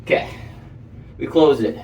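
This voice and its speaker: A man's voice: measured pace, a little mellow, recorded from a distance, lo-fi sound, a little hiss or hum. A young man telling a story casually, with lots of swearing and fillers while he works. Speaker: vlogger. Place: indoor room while doing manual work. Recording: echoey room, voice off-mic.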